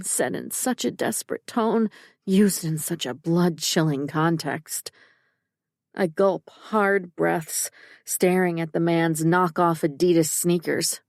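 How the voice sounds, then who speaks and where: A woman reads a first-person thriller audiobook with tense urgency and raw emotion. Her voice sits on the low side and is recorded dry and close, without room sound. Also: vocal fry, darkish tone, no echo. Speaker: audiobook narrator.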